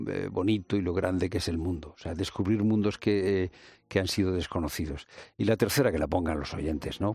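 A low-voiced man with a light Andalusian lilt speaks as a guest in a radio studio. His voice has a rough, gravelly edge and he hesitates often, circling back and restarting his sentences. The sound is close and dry. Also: no echo. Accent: light Andalusian Spanish. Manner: hesitant, many fillers and restarts. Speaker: guest journalist and documentary maker. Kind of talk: radio interview conversation.

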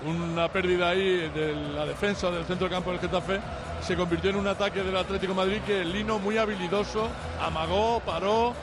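A man's voice: high-pitched, fairly even intonation, fairly quick. A man giving live football analysis, explaining the play conversationally. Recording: clear background noise on live broadcast.

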